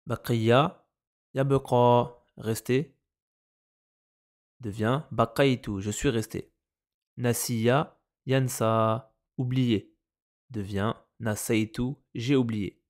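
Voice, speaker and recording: Slow, deliberate male language teacher. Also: medium pitch, fairly even intonation, a little mellow. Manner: slow, deliberate, repeats example words. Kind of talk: explaining Arabic grammar in French.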